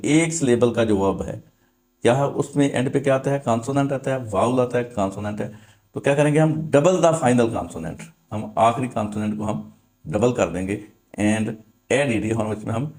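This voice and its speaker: A man teaching English grammar in a step-by-step lesson. He repeats his points, asks and answers his own questions, and reads English rules out slowly. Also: medium pitch, dark tone. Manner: reads English rules slowly, then explains them in Urdu. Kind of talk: classroom-style grammar lesson.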